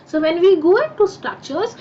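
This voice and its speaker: A woman with an Indian accent and a high, very lively voice teaches a live online science class. She is chatty and keeps posing questions that she answers herself. The audio is slightly dull, with some noise behind her. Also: normal speed. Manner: animated, chatty, asks and answers own questions. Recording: muffled audio with clear background noise.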